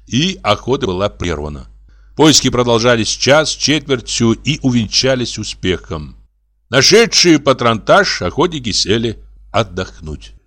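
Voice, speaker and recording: A man narrating a comic story as an audiobook, expressive and lively. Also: medium pitch.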